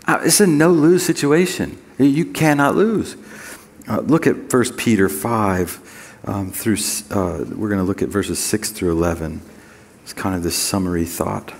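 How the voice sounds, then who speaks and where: A man preaching a sermon as pastor, conversational with joking asides, and reading scripture slowly and deliberately. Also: fairly low pitch, a little mellow, big-room sound.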